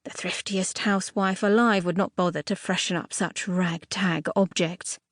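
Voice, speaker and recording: A female audiobook narrator reads a fairy tale expressively and a bit archly, stressing key words and pausing for dramatic effect. Her voice sits at an average female pitch. The studio recording is very dry and close.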